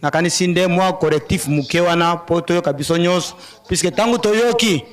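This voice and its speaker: A man with a high voice addresses a church gathering with fervour. He calls out to the congregation and explains a correction in an urgent, exhorting way. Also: moderate pace. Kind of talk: exhorting announcement.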